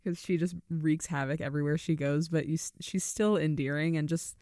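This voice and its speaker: A man's voice: a little high, fairly even intonation, a little fast, dark tone, no echo, studio quality. A man co-hosting a podcast, chatting enthusiastically about a film and giggling often. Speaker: podcast co-host. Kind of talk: casual film discussion.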